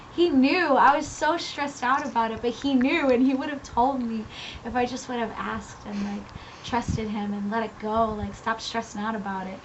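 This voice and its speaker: A young woman from New England telling a personal story in a casual, rambling way with many fillers, on a webcam mic. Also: fairly high pitch. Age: young adult. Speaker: vlogger. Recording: dull lo-fi with loud hiss.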